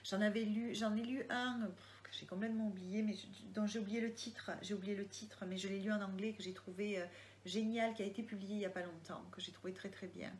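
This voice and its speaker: A woman's voice: mid-range voice, fairly even intonation, brisk, darkish tone, a little hiss or hum. A woman with a Marseille accent, an author answering viewers' questions in a casual live session, reading comments aloud and often hesitating and restarting. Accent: Marseille French.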